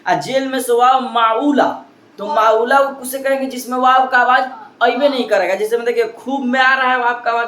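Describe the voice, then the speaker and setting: An Urdu grammar teacher leads a classroom quiz, his very high, fairly bright voice echoing back students' answers as he drills each point with patient prompts. The room has a roomy echo and faint background noise.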